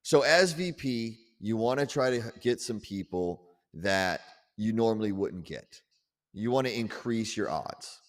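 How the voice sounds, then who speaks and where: A man co-hosting a casual political chat show, talking in an animated, rambling way and often repeating words. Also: fairly low pitch, a little slow, long reverb tail. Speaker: podcast co-host.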